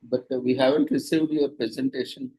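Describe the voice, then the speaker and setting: A man's voice: mid-range voice, fairly even intonation, a little fast, mellow, husky, poor audio. A man with an Indian accent moderating an online conference session and giving participants instructions.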